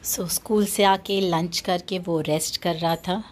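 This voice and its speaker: A woman vlogging in a quiet, hushed voice, talking slowly to viewers and coaxing a little child. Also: on the low side, fairly even intonation. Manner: hushed, speaking softly so a sleeping child won't wake; coaxing, talks sweetly to a small child. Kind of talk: casual family vlog. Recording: noisy background.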